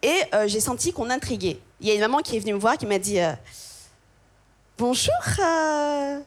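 Une jeune femme humoriste de France, qui fait un spectacle de stand-up, racontant vite et de façon animée en imitant d'autres personnes. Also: female voice, medium pitch. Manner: quick, animated, acts out voices of others. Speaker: stand-up comedian. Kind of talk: stand-up comedy set.

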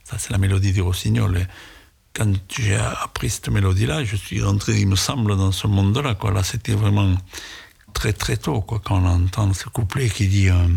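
A man with a deep, gravelly, very husky voice shares personal memories. He speaks reflectively, in hesitant, halting phrases. He sounds like an interviewee in a sound documentary. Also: a little mellow. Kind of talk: personal reminiscence.

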